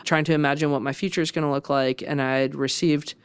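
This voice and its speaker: A middle-aged woman, a philosophy professor, telling stories in a lively, casual way as a podcast guest. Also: low voice, fast, clear, resonant tone, no echo. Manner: animated, lively storytelling with restarts. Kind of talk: casual storytelling interview.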